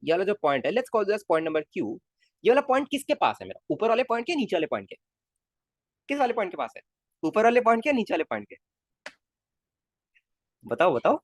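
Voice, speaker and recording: A man's voice: high-pitched, very animated, fairly quick, long pauses, no room sound, studio quality. A male physics teacher in a casual live class, coaxing his students with constant questions and calling them kids. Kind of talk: live online class lecture.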